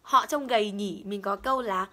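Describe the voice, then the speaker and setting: A woman's voice: medium pitch, moderate pace, pushed and bright. A young woman teaching English pronunciation, over-enunciating and repeating each word as she demonstrates it. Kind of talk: bilingual pronunciation lesson.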